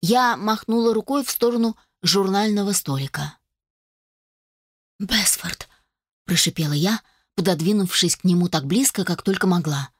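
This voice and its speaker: A woman narrating a story in the first person with an expressive, lively delivery. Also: medium pitch, brisk, dry recording, studio quality. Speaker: audiobook narrator.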